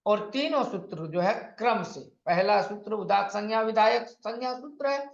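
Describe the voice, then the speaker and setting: Male sanskrit teacher, high voice, patient repetitive explaining, echoey lo-fi room. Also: vocal fry. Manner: slow, patient explaining with repetition and counting out lists; chants Sanskrit sutras in a slow recitation. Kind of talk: online lecture. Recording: echoey, dull lo-fi room recording.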